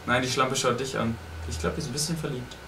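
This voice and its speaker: A man's voice: medium pitch, steady tone, fast talker, over music. A young man co-hosting a horror game let's play, bossy and crude, joking as he tells his partner what to do. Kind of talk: casual gameplay commentary. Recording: roomy, distant mic with background noise.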